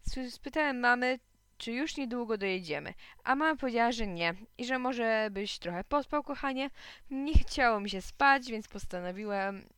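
A woman narrating a children's story in a lively, playful way. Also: fairly high pitch, smooth, no echo. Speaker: audiobook narrator.

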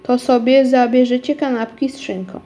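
A woman voicing a brisk, bossy aunt in a storybook reading. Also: on the high side, dark tone, lightly acted. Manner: calling, bossy, muttering. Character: fussy bustling aunt, older woman, brisk.

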